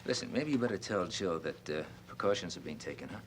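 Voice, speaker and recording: A man's voice: low-pitched, lively intonation, fast talker, background noise. An actor playing a concerned male doctor in a daytime soap, speaking earnestly and reasoning things through. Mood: persuasive. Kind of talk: daytime soap opera acting.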